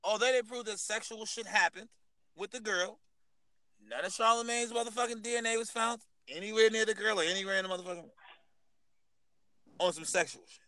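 High voiced guy on a podcast, loud and animated, cussing a lot. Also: a little fast, long pauses, dry recording, poor audio. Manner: animated storyteller, profane slang. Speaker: podcast co-host. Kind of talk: casual heated chat.

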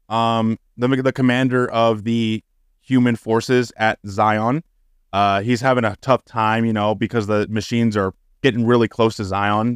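A man's voice: clear, resonant tone, dry recording, clean studio sound. A man co-hosting a casual podcast, swearing freely and breaking into exasperated rants. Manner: profane, ranting, gets loud and high when exasperated. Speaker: podcast co-host.

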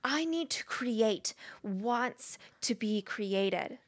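A woman putting on a slow, hushed voice to imitate an author reading her own advice aloud. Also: on the high side, animated, exaggerated voice. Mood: solemn. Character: woman impersonating a self-help author, solemn reading.

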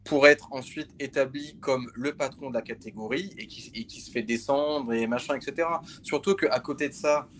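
A man's voice: medium pitch, normal speed, hardly any pauses, a bit bright. A man with a mid-range voice leads a casual podcast chat, steering the topics along with frequent fillers. A faint hiss sits under his voice. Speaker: podcast co-host. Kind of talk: casual chat about boxing.

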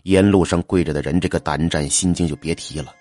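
A man narrating a spooky folk tale as an audiobook, lively in manner and slipping into the voices of the characters for their lines. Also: deep voice, brisk, no room sound. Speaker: storyteller. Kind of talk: audiobook narration with acted dialogue.

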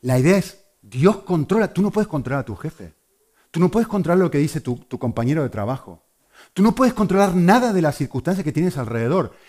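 A man from Argentina with an Argentine Spanish accent, preaching a sermon in an animated way and asking his listeners questions. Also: on the high side, brisk. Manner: animated, asks the audience questions.

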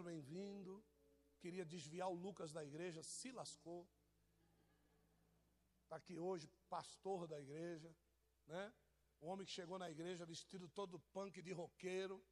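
A high-pitched man delivers a loose, chatty sermon. He teases and jokes with people in the pews as he preaches. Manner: teasing, jokey, addresses people in the pews. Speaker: pastor. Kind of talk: informal sermon to a congregation.

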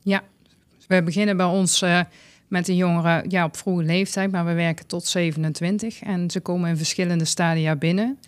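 A woman's voice: on the low side, steady tone, normal speed, dry recording. Woman interview guest, dry sound. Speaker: guest, youth work coordinator. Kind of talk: unscripted interview answers.

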